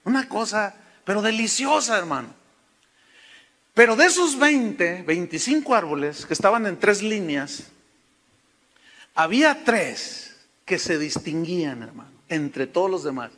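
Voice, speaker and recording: Bright-voiced preacher. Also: male voice, sits high, lively intonation, measured pace. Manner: storytelling, addresses listeners as brother. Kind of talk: sermon.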